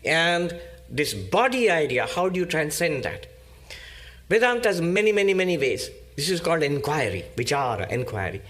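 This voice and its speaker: A man giving a spiritual discourse as a monk, teaching slowly and emphatically with pauses and repetition. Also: fairly high pitch, very animated, fairly bright tone.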